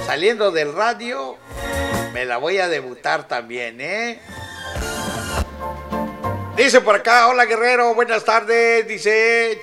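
A man with a Mexican accent hosting a radio show, retelling a film in casual, profane, rambling talk and laughing often. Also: high voice. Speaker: radio host.

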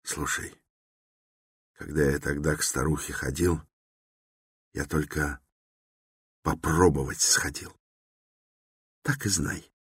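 A man's voice: extremely low pitch, steady tone, slow pace, pauses often, a bit bright, husky, no echo, studio quality, exaggerated voice. A man voicing a tormented young man who speaks in an intense, brooding, confessional way, within a dramatic novel reading.

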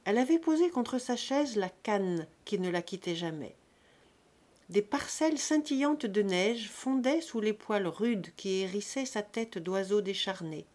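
A woman narrating an audiobook of a classic novel in a calm, measured reading voice. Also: mid-range voice. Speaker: audiobook reader.

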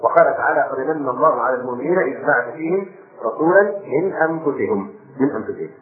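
A man's voice: mid-range voice, animated, racing. A man with an Egyptian accent giving a religious lesson on Quran commentary, repeating phrases for emphasis. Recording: tinny phone-like recording with crowd.

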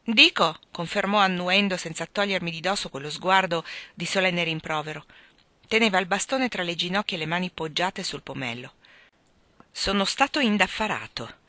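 A woman reading a novel aloud, narrating in a clear, expressive storytelling manner. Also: lowish voice, fairly quick, dry recording. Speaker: audiobook reader.

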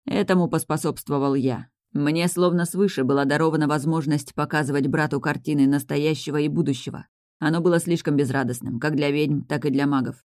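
Woman doing a sorry young guy mage, soft mellow tone, gentle and sad, dry sound. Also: sits low, steady tone, fairly quick, no echo. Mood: grave. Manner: tender, regretful. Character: devoted young male mage, remorseful lover.

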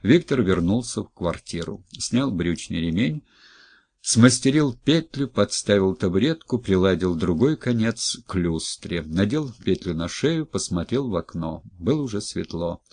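In a low voice recorded with studio quality and no room sound, a man narrates an audiobook. His storytelling is steady and measured.

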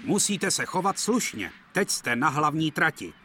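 A man's voice: on the high side, sing-song, sharp tone, slight background noise. A man voicing a stern, proud big male express engine in a cartoon dub. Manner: stern, scolding.

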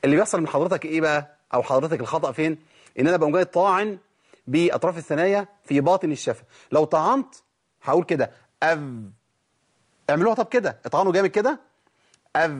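Egyptian sheikh teaching recitation. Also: male voice, on the high side, expressive, slightly rough. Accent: Egyptian Arabic. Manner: explains patiently, breaks into slow drawn-out demonstration sounds. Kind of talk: recitation lesson.

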